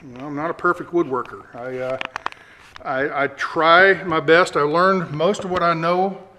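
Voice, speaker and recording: In an echoey room with faint noise picked up by the camera mic, a middle-aged man hosts his do-it-yourself build vlog with a casual, folksy, rambling show-and-tell, joking at his own expense. He speaks unhurriedly in a steady, sharp-toned, fairly high voice.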